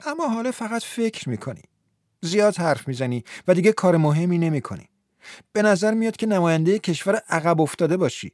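A man voicing a scolding, exasperated young woman in an audiobook, with a sharp manner. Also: high-pitched, lively intonation, no room sound, studio quality. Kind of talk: audiobook character voice.

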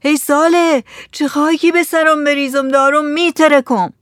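Lady doing a stuffed village wife, squealing high, desperate whiny voice. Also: little pitch movement, fairly bright tone, no room sound, studio quality. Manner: shrill and pleading. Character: overfed village woman, desperate and wailing.

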